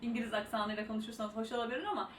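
A young woman giving casual exam-speaking tips as a tutor, talking fast and chatty with many fillers. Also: a little high. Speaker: IELTS tutor and YouTuber. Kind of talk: casual advice vlog. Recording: roomy echo, mic at a distance, faint room noise.

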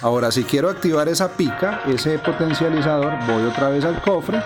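In this casual screen-recording walkthrough, a male narrator with a slightly high voice talks at an ordinary pace over faint background music. His delivery is calm and methodical as he goes through the gameplay one step at a time, voiced over a phone screen capture.

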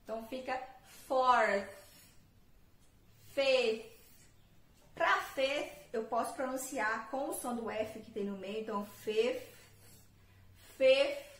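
A woman's voice: fairly high pitch, takes it slowly, long pauses, fairly bright tone, echoey room. A Brazilian woman teaching English online, patiently drilling words and repeating them for practice. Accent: Brazilian Portuguese. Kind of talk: online language lesson.

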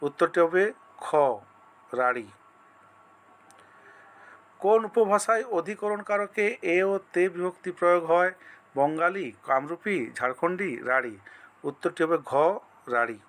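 A man's voice: sits high, moderate pace, fairly bright tone. A male teacher running an exam-prep lesson, reading out multiple-choice questions, listing each option and then giving the answer.

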